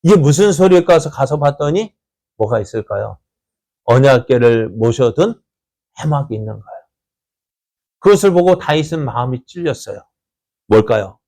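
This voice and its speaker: A man's voice: medium pitch, lively intonation, moderate pace, gravelly, pauses often, dark tone. A male pastor preaching a conversational sermon, telling a story and constantly asking the congregation rhetorical questions.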